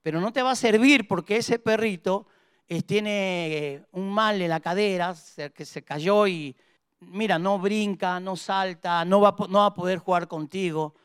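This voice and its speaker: A matter-of-fact shop owner explains with a few hesitations , as a male preacher acts him out in his own high, clear voice. The sound is close and dry, with a smooth tone. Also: measured pace, dry recording. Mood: explaining. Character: middle-aged male shopkeeper, matter-of-fact.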